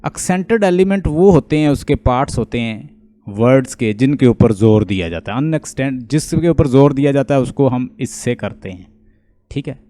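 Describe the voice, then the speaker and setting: A man's voice: medium pitch, animated, normal speed, mellow. A man with a Pakistani accent teaching English literature, explaining step by step and stopping often to ask his students checking questions. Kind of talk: classroom lecture explaining poetic meter.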